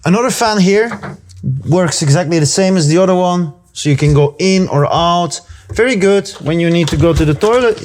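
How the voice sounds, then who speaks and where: Man casually touring a noisy small trailer. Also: on the high side. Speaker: vlogger giving an RV tour. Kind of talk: casual walkthrough chat.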